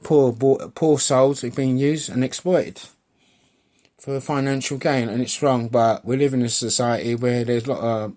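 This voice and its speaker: A man's voice: mid-range voice, fairly even intonation, normal speed, a little mellow. Blunt British man, fifties, swearing vlogger ranting straight to camera, repeats himself. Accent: British English. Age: 50s. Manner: blunt, repetitive, swears a lot, says mate. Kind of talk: blunt opinion rant.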